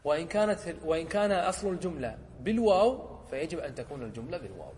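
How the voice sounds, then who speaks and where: A man, a sheikh teaching a lesson, who explains a poem, often checks whether his students follow, and slows down to quote examples. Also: a little high, very animated, a little mellow, long reverb tail, a little hiss or hum. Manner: asks the class short checking questions. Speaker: sheikh teaching Arabic rhetoric.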